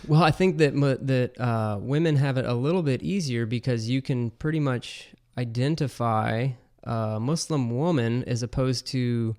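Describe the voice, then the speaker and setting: A man's voice: medium pitch, normal speed, few pauses, a little mellow. A man hosting a podcast, talking through a topic in a casual, explanatory way with frequent fillers.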